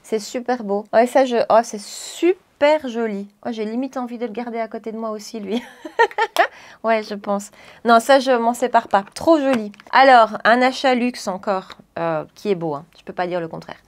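A woman's voice: fairly high pitch, moderate pace. A woman beauty vlogger chatting casually to camera, gushing and chatty, with frequent fillers.

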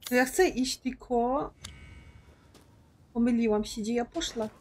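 Woman, game streamer, chatty and lost, slow delivery. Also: on the high side, darkish tone. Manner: chatty, confused, talks to viewers and herself. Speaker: gaming streamer. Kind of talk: casual let's play commentary.

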